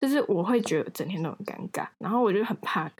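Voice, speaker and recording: A woman's voice: mid-range voice, animated, quick pace, husky. A young woman with a Taiwanese Mandarin accent, chatting candidly in a casual podcast conversation. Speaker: podcast co-host. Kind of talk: casual chat.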